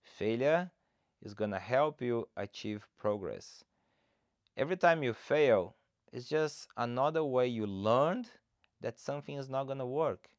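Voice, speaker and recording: This Brazilian podcast host, a fat loss coach, speaks expressively and unhurriedly in a mid-range voice, encouraging his listeners with earnest motivation in a solo monologue. His Brazilian Portuguese accent comes through in a studio-quality recording with no echo.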